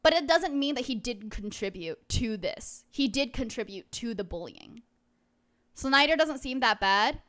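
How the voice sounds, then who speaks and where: A woman's voice: on the high side, expressive, measured pace, fairly bright tone. A woman livestreamer chatting casually with her viewers in a cutesy, playful manner. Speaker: livestreamer, VTuber.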